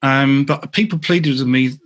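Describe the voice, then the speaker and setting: North London male author on a video call, mid-pitch, loose rambling Q&A delivery. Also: a little slow, fairly bright tone. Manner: rambling, self-correcting, lots of ums. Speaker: guest speaker, author. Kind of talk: online meetup Q&A answer.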